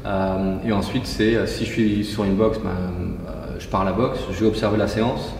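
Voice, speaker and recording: A gym entrepreneur in his forties, the guest in a casual interview, methodically walks through his routine step by step. His lowish voice is creaky and darkish, steady in tone at a moderate pace. He's recorded from far off in a large, echoey indoor gym hall with slight background noise.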